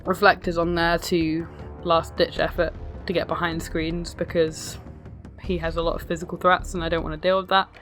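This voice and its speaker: Casual game commentator: woman, lowish pitch, raspy and hoarse from illness, dry self-deprecating swearing, faint music underneath. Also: level tone, moderate pace, a bit bright. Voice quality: raspy smoker's rasp. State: ill, hoarse. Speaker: video host narrating own battle. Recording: music behind the voice.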